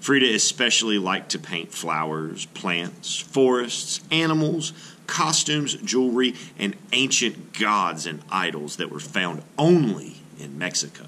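With the air of an art teacher before young pupils, a middle-aged man reads from a children's nonfiction book. His voice is fairly low yet bright, and his intonation climbs and dips vividly as he takes each sentence in a measured, expressive way over a faint background noise.

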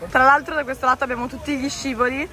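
A woman's voice: high-pitched, fairly even intonation, fast talker, pushed and bright. A woman in her twenties chatting casually to camera as a vlogger, recorded on a phone at arm's length. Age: 20s. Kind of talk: casual vlog chat to camera.

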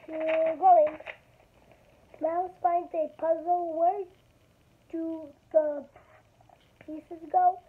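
A young child with a high voice reads a picture book aloud at a slow, halting pace. The recording is a muffled home video made in a bedroom on a handheld device. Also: little pitch movement. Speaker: young video maker reading a storybook aloud. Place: small bedroom, indoors. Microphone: phone or tablet at arm's length. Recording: dull lo-fi device mic, background noise.

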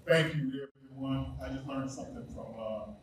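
A coach giving a plain, relaxed thank-you speech from quick notes at a school ceremony. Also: male voice, medium pitch, slight background noise. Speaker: athletic director and coach. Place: school gathering space with a live audience. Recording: echoey room, voice from far off.

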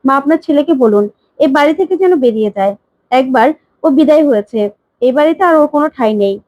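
A woman's voice: high voice, expressive, fast talker, a little mellow, no echo, lo-fi sound. A woman voicing a heartbroken middle-aged mother who speaks in a tearful, pleading way. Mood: sorrowful.

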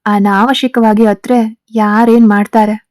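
A woman's voice: mid-range voice, flat delivery, unhurried, darkish tone, no room sound, studio quality, close to an everyday voice. A woman reading as a cocky teasing gang boss. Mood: domineering. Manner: arrogant, teasing.

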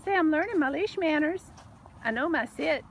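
Sweet playful young girl dog, high bouncy sing-song baby talk, leaping around in pitch, as a woman puts her on. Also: animated, normal speed, a little hiss or hum.

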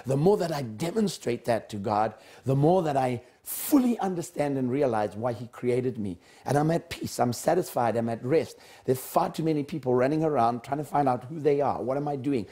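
A man's voice: medium pitch, warm tone. A man from Africa speaking earnestly about worship, often stumbling and restarting his sentences. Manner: earnest, with frequent stammered restarts. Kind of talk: impassioned spoken testimony.

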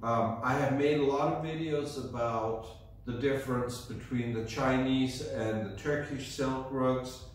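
A middle-aged man with a German accent, hosting a rug channel, talking slowly to camera with many ums and pauses in a rug showroom. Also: mid-range voice, steady tone. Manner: hesitant, many ums, slow and deliberate. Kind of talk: casual presenting to camera. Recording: very echoey room, mic at a distance.

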